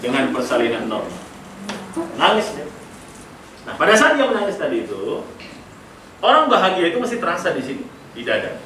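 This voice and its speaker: A middle-aged man leading a school workshop, telling a story with lively acted-out dialogue. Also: a little high, a little fast, pauses often. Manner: animated storyteller, acting out dialogue with laughter. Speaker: workshop speaker. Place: school hall. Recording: echoey hall, voice from a distance, noisy.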